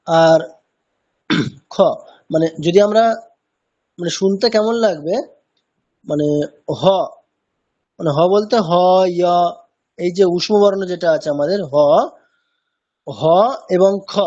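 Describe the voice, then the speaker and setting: A man's voice: high-pitched, darkish tone, muffled recording. A man teaching a pronunciation lesson in an online class, patiently repeating sounds to demonstrate them. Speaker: chanting teacher.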